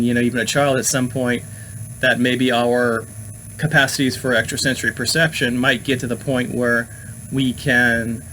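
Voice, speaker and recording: A man's voice: medium pitch, sharp tone, low-quality recording. Rambling man hosting occult talk, faint hum. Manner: meandering, many fillers and restarts. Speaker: host. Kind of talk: casual talk on occult topics.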